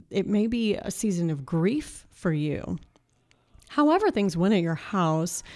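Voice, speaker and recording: A woman in her thirties hosting a casual faith-based podcast as a life coach, slightly hoarse from a cold and chatty, with filler words and laughs. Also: on the low side, darkish tone.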